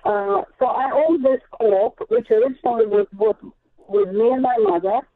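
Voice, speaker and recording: A woman's voice: a little high, very animated, normal speed. A woman calling in by phone, her voice echoing on a speakerphone as she explains her question hesitantly, step by step. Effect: echoing speakerphone on a call. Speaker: caller. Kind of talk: call-in question. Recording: tinny, echoing phone line.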